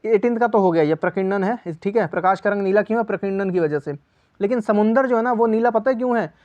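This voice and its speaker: A man's voice: high voice, dull audio. A man teaching a casual quiz lesson, chatty, asking viewers for answers and repeating each key answer as question and reply. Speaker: exam-prep teacher.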